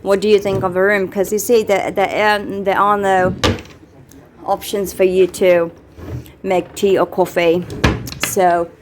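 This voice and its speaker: A woman giving a casual, unscripted hotel tour for a vlog, chatting in a halting way as she shows things around her. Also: mid-range voice, little pitch movement. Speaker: vlogger touring a hotel. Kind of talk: casual handheld vlog narration. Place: small hotel room, later the hotel lobby, corridors and elevator. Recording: noisy handheld recording with background ambience.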